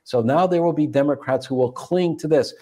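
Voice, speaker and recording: Mellow-voiced man arguing political points. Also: on the high side, a little fast. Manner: argues point by point with rhetorical questions. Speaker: co-host of a political commentary show. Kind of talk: argumentative political commentary.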